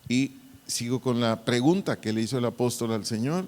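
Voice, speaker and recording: A man, a pastor, giving a Bible teaching, deliberately repeating and spelling out key words. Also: medium pitch, a little mellow. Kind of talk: Bible teaching to church servers. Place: church hall. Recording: long hall reverb.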